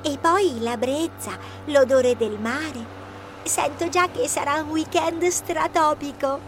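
A man's voice: very high voice, slow, soft background music, pitched above the performer's own voice. A man doing a bubbly squealing teen girl. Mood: cheerful. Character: lively energetic teen girl.

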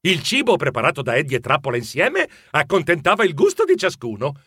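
A man reading a children's storybook aloud in the first person, full of exclamations. His voice sits high and swings widely in pitch. The tone is bright and the recording is dry. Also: wildly swooping pitch, fast, breathy edge. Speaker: audiobook narrator.

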